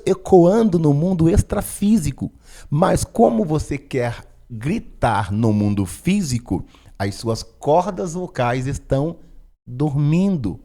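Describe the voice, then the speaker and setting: A man's voice: fairly high pitch, warm tone. A male pastor, teaching on spiritual matters in a casual, conversational way, often tagging his sentences with "né?" and "tá?". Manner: conversational, frequent "né?" and "tá?" tags. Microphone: microphone in front of him.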